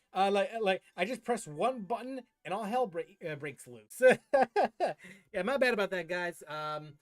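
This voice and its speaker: Speaking unhurriedly with lively intonation, this man has a high, fairly bright voice. He's a game livestreamer talking casually in a hesitant, apologetic manner, repeating himself often, with video game music playing behind him.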